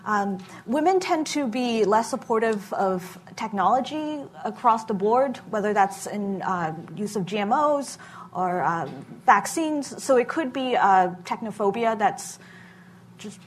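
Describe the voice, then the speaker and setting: Measured woman researcher with many uhs. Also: a little high, expressive, slight background noise. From Massachusetts. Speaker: researcher giving testimony. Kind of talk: formal testimony answering questions.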